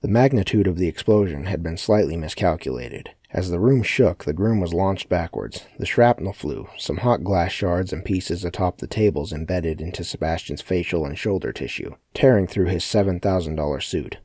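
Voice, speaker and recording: A man narrating a story as an audiobook in a steady, matter-of-fact way. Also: sits low, normal speed, few pauses, husky, no room sound, clean studio sound. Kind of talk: scripted narration.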